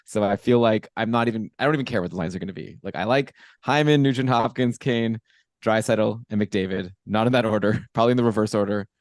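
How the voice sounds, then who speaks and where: A man's voice: lowish voice, steady tone, quick pace, no echo, clean studio sound. A man co-hosting a fantasy hockey podcast in casual chat, talking loosely with asides and laughing at himself. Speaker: podcast co-host.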